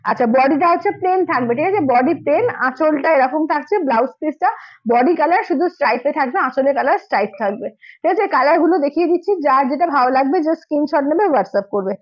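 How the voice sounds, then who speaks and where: Woman, hoarse a cold, high voice, rapid sales patter, dull lo-fi sound. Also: expressive, no room sound. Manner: brisk, repeats prices, keeps asking "okay?". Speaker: saree seller on a live sale stream. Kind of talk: live-stream sales pitch.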